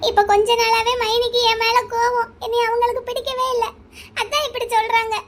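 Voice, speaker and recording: A woman doing a very high-voiced anxious cartoon wife. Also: flat delivery, a little fast, a little hiss or hum. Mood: pleading. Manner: pleading, insistent questioning. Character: anxious young wife, tearful and pleading. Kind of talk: cartoon voice acting.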